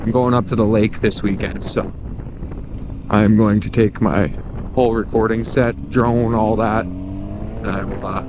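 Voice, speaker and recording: A man with a fairly low voice talks casually to his viewers from inside a helmet while riding a motorcycle. The recording is made outdoors on the move, with heavy wind and engine noise all around his voice. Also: fairly even intonation. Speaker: motorcycle vlogger. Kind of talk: casual riding vlog chat. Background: motorcycle engine and rushing wind.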